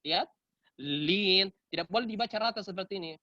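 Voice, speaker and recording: Seorang pria Indonesia mengajar tajwid, mengoreksi bacaan dan mencontohkan pelafalan yang benar dan yang salah. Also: male voice, sits high, fairly quick, bright, forceful tone, no room sound, muffled recording. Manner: corrective, demonstrates right and wrong recitation. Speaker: Quran recitation teacher. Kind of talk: tajwid lesson with recited examples.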